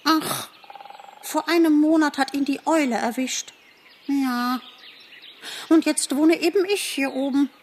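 A woman's voice: measured pace, long pauses, a little hiss or hum. A woman voicing a cheerful, talkative young squirrel in an audiobook, eager and polite. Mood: chatty. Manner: eager, talkative, high and lively. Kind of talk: audiobook character voice.

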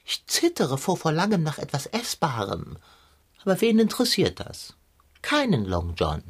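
A plump, self-pitying glutton in a children's radio play, forever complaining of hunger in lofty, antiquated words. The voice is breathy and swings widely up and down, and she hams up the grand phrasing. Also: sits low, wildly swooping pitch, normal speed, full character voice. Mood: whiny, grandiose. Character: pompous, perpetually hungry plump male sidekick.

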